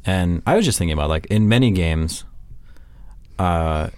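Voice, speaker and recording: A man's voice: sits low, animated, normal speed, a little mellow, clean tone, dry recording. A man co-hosting a casual podcast chat, rambling with many restarts and fillers. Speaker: podcast co-host.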